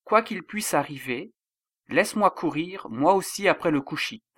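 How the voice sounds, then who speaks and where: A man's voice: on the high side, animated, normal speed, a bit bright, slightly rough, no echo, studio quality, pitched above the performer's own voice. A man voicing an eager young male messenger who pleads to run with the news.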